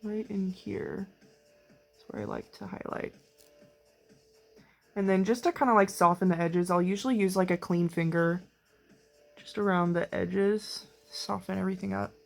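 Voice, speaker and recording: A woman doing a casual makeup tutorial, chatty and excitable, rambling between quiet asides and sudden bursts of enthusiasm. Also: medium pitch, normal speed, vocal fry, pauses often, faint music behind. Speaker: beauty vlogger. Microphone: camera mic while filming herself.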